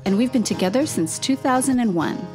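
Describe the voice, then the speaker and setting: A woman's voice: a little high, animated, fairly quick, a little mellow, soft background music. A woman co-hosting a podcast, chatting casually, laughing often and trailing off mid-sentence. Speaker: podcast co-host. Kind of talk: casual chat.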